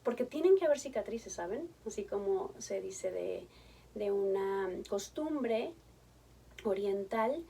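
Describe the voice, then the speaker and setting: A woman's voice: mid-range voice, lively intonation, slow pace, creaky, breathy edge, recorded from a distance. A woman, a family therapist telling stories from her practice to parents and acting out the voices in them. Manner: warm storytelling, acts out quoted voices. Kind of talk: talk to parents.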